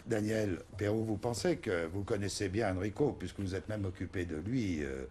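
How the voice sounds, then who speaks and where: A male TV talk show host who asks probing questions in a lively way. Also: fairly low pitch, normal speed, a little hiss or hum.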